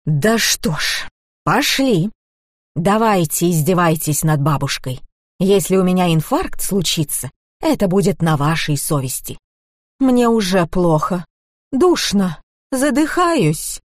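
A woman's voice: lowish voice, lively intonation, slow, no echo, clean studio sound. A woman voicing an indignant, theatrical elderly grandmother in an audiobook. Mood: dramatic. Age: older. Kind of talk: audiobook character voice.

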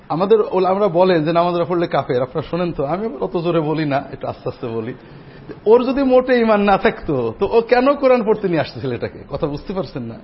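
A man preaches a Friday sermon in a mosque. He talks directly to the congregation in a teaching tone. The recording is dull and lo-fi, with faint noise underneath. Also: high voice. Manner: slow chanted Arabic opening. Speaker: imam.

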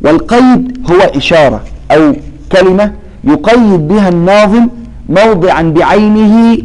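Sheikh teaching Quran recitation. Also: male voice, high-pitched, animated, moderate pace, darkish tone, rough recording. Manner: questions and answers his own questions; addresses students by name. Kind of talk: explaining lesson with recited verses.

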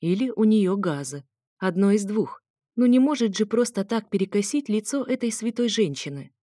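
A woman's voice: medium pitch, animated, normal speed, dark tone, no room sound, clean studio sound. A woman narrating a first-person audiobook with a wry, ironic delivery.

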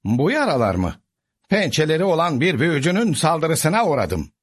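A man's voice: a little high, huge pitch swings, normal speed, husky, pitched above the performer's own voice, full character voice. A man voicing a gallant, dignified older knight in a storybook reading, courtly in manner. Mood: aggrieved. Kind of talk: storybook character voice.

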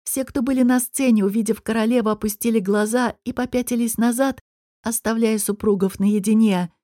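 Woman narrator, slightly high voice, slow measured reading, dry close sound. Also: steady tone, warm tone, dry recording. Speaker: audiobook narrator. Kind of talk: scripted narration.

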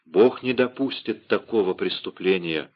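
Hoarse grim old musketeer, low and restrained, voiced by a man, muffled lo-fi audiobook. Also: normal speed. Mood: horrified. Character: grim older musketeer, stern and brooding. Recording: dull lo-fi audiobook recording.

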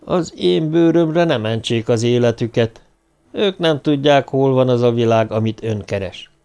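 A defeated, bitter ruler speaks in a strained, hoarse-edged voice, as a male audiobook reader puts him on. He sits at a mid pitch and sounds spiteful and desperate. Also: mellow, lightly acted. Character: cornered, bitter male ruler bargaining for revenge. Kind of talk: audiobook character reading.

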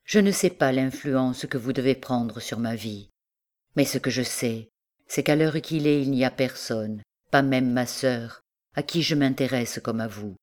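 A woman's voice: a bass voice, measured pace, darkish tone. A woman reading an audiobook voices an earnest, emotional young man in love, in her own plain voice. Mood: pleading.

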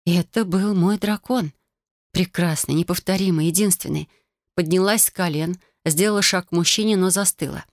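Woman audiobook narrator, low pitch, dry studio sound, expressive first-person fantasy storytelling. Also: moderate pace, no room sound.

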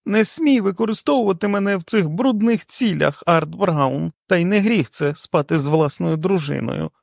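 A shrill, high, scolding wife, as a male narrator puts her on, fussy and indignant, her voice jumping around as she nags her husband. The reading is close and dry, with no room sound. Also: lively intonation, moderate pace, vocal fry, a little mellow, dry recording.

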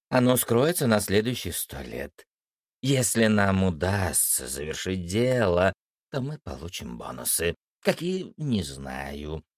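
A man's voice: lowish voice, no echo, studio quality, full character voice. A man voicing a small, nervous male leprechaun in an audiobook, talking hesitantly and evasively. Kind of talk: audiobook character voice.

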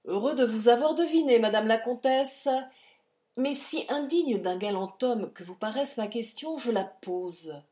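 A woman voicing a cold, ironic male count who threatens with smooth, polite cruelty, in an audiobook reading. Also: medium pitch, animated, takes it slowly, a little mellow.

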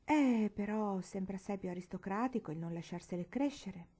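An earnest, romantic young girl from a storybook speaks with a knowing air, as a woman reading aloud puts her on. Her tone is mellow and gentle. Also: mid-range voice, animated, normal speed, slightly rough.

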